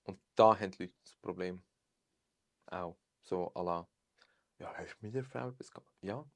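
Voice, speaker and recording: A young man with a Swiss German accent, chatting openly as a podcast guest, expressive and sprinkling in English phrases. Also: sits low, moderate pace, no room sound. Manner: expressive, mixes English phrases, laughs often. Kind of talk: casual chat.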